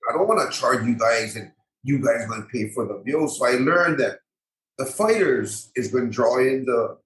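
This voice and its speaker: A man's voice: medium pitch, animated, moderate pace, fairly bright tone. A man with a local Hawaiian accent chatting casually as an interview guest, repeating phrases and using colloquial grammar. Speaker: MMA fighter and gym owner, podcast guest. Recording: echoey roomy sound.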